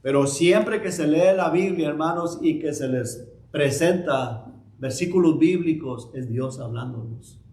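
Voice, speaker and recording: A man preaching a sermon as pastor, swinging between emphatic declarations and quieter readings of scripture. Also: on the high side, measured pace, roomy sound.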